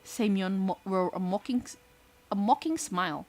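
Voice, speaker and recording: A woman's voice: mid-range voice, moderate pace. A woman with an Indonesian accent, reading a visual novel aloud on a stream and reacting expressively. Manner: expressive, breaks off into sweary reactions.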